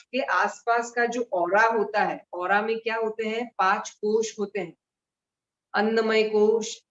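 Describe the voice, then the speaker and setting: Woman teaching in an echoey room. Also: mid-range voice. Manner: conversational, explains with everyday examples. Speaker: mudra therapy teacher. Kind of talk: live talk to a group. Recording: roomy and dull.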